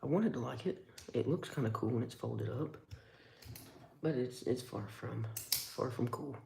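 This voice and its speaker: A man's voice: mid-range voice, a little slow, gravelly, darkish tone, roomy sound, a little hiss or hum. A man streaming live, giving casual, rambling commentary with wry remarks as he handles tools.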